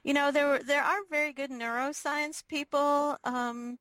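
A middle-aged woman from Israel, a neurobiology professor, answering interview questions thoughtfully with many pauses and restarts. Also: high-pitched, steady tone, fairly bright tone, no room sound, rough recording. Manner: thoughtful, lots of ums and restarts.

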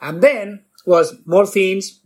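Animated man telling stories. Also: slow, slightly rough. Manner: acts out quotes with jumps in pitch, non-native grammar. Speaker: guest bartender. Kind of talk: animated storytelling.

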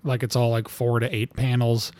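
A man's voice: medium pitch, level tone, normal speed, dark tone, dry recording. A man talking casually as an interview guest, rambling with lots of fillers and laughing at his own stories. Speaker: cartoonist guest.

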